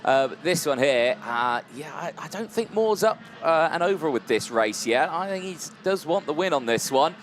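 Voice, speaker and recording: A man's voice: on the high side, expressive, moderate pace, few pauses, slight background noise. Man doing live motor race commentary. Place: trackside commentary box.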